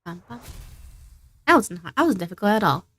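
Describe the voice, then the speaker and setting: A woman's voice: mid-range voice, very animated, normal speed. A woman streaming a game, chatting casually and giggling often. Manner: giggly, chatty, self-mocking.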